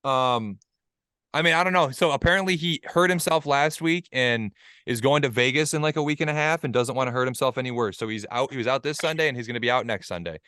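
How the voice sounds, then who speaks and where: Man, podcast host, casual chat, bright forceful tone, dry close mic. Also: medium pitch, fast talker, clear, resonant tone, no echo. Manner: blunt, profane, joking.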